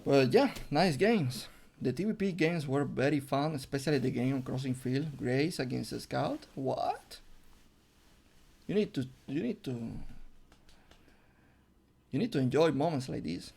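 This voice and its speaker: A young man casting a game on his own, hoarse and losing his voice, who bursts into high excited yelps at big plays. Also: measured pace, pauses often. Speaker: esports caster. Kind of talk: solo game commentary.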